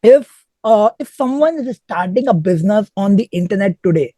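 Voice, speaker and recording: A man with a high but mellow voice hosts a podcast interview. He frames his questions politely and a little haltingly, with plenty of okays. His sound is dry and close, with no room echo. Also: expressive. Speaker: podcast host. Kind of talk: interview questions and short acknowledgements.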